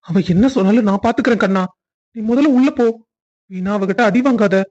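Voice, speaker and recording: A woman voicing a tender middle-aged father in a cartoon family story, speaking softly and soothingly. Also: medium pitch, a little fast, dull audio, natural voice. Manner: soft, soothing.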